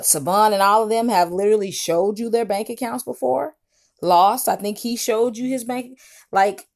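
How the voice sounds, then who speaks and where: A woman talking with open scorn as she comments on clips, her voice pitched in an ordinary middle range. She lectures and mocks in a steady stream of reaction commentary. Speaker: YouTube commentator.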